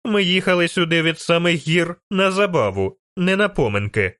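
A man voicing a bold, fiery young elf woman who calls out commanding, teasing shouts. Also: fairly high pitch, lively intonation, moderate pace, no room sound, clean studio sound, voice pushed up. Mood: rousing.

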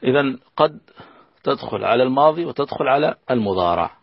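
A man teaching a lesson on Arabic grammar, slow and patient, repeating key phrases and working through examples. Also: mid-range voice, lively intonation, vocal fry, breathy edge, no room sound, muffled recording. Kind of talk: recorded classroom lesson.

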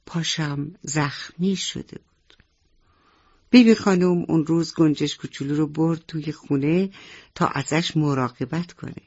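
A woman's voice: sits low, highs cut off. A woman storyteller narrating a children's bedtime story on the radio, speaking directly to the children listening. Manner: warm, addresses children directly.

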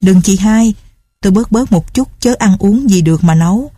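A woman's voice: mid-range voice, lively intonation, moderate pace, warm tone, slightly rough, dry recording, clean studio sound. A woman voicing a poor, sick young mother, plaintive and lamenting. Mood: weary.

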